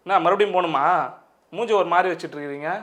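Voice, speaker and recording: Fast, sharp-voiced mocking interviewer man. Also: high-pitched. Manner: mocking, needling, scolding. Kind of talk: confrontational interview.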